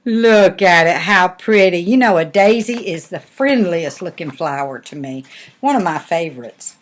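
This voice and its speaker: A woman's voice: fairly low pitch, expressive, moderate pace. An older woman with a Southern US accent reads a picture book aloud in a folksy grandmotherly manner, chatting to children in asides.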